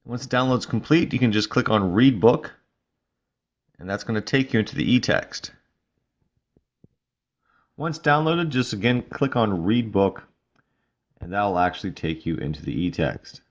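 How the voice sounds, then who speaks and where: A male instructor giving a relaxed, casual walkthrough of a mobile study app, with frequent fillers. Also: fairly low pitch, measured pace, long pauses. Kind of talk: screen-recorded app tutorial.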